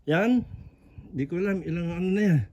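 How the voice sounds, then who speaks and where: A man vlogging outdoors on a rocky shoreline at low tide, talking chattily to his viewers and slightly out of breath. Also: moderate pace, background noise. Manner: chatty, repetitive, addresses viewers constantly. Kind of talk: casual on-the-spot vlog narration. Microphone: camera on a tripod.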